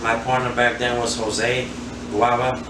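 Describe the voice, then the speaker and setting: A new man's voice, flat and roomy with a medium pitch, comes through unhurried and far from the mic in a noisy room. He's in his forties, from Queens, New York, a handball player reminiscing as the guest of a casual interview. His manner is relaxed and rambling, thick with fillers.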